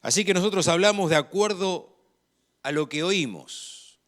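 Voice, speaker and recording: Delivering a sermon in a high-sitting voice, this Argentine-accented preacher speaks measuredly and with emphasis. He gets louder whenever he reaches key phrases.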